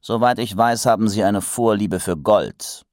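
A man voicing a serious, dutiful male secretary who answers gravely and respectfully. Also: fairly low pitch, a little slow, darkish tone, no room sound, studio quality, pitched above the performer's own voice, lightly acted. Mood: deadpan.

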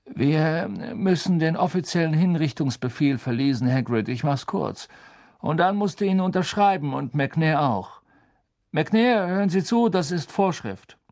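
A man's voice: fairly high pitch, expressive, measured pace, a little mellow, voice pushed up. A man doing a pompous official reading a decree. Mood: brisk official. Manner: formal, bureaucratic reading.

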